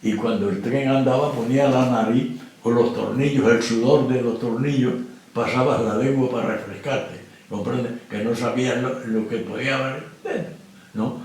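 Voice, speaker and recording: A man's voice: medium pitch, a little mellow. A very old man from Spain giving documentary testimony, plain-spoken and often checking that the listener understands. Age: older. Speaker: interviewee. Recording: very echoey room.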